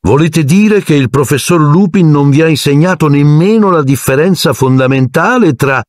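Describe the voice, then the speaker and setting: A man's voice: fairly high pitch, lively intonation, moderate pace, a little mellow, dry recording, studio quality, voice pushed up, lightly acted. A man voicing a cold, sneering male teacher who speaks with icy, silky menace in an audiobook. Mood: icy contempt.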